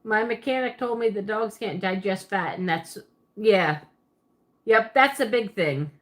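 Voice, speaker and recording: Her mid-range voice is unhurried as she answers viewers on her livestream. The Pennsylvania woman has a Pennsylvania Dutch accent with a Southern twist, and she's chatty and rambling, laughing a lot and catching and fixing her own slips.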